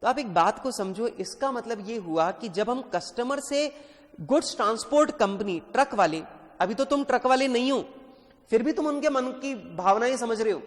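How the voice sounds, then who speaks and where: A man tutoring accountancy students in a classroom lecture, lively, quizzing the class and addressing them as children. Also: very high-pitched, big-room sound. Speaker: CA exam tutor.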